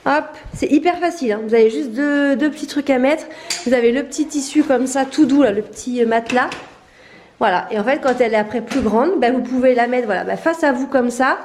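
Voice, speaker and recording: Breathless high-voiced woman vlogging at home. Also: darkish tone, a little hiss or hum. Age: 30s. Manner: chatty, enthusiastic, many fillers. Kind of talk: casual home vlog.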